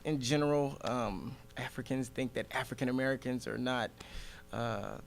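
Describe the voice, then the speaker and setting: Laughing gravelly-voiced male comedian. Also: mid-range voice, fairly even intonation, normal speed. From Nigeria. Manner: easygoing, laughs often between lines. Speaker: interviewee, stand-up comedian. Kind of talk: casual interview conversation.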